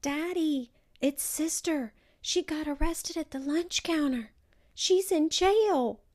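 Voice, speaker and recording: A woman's voice: sits high, takes it slowly, voice pushed up. A woman voicing an eager, earnest little girl in a children's storybook, childlike and emphatic. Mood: alarmed.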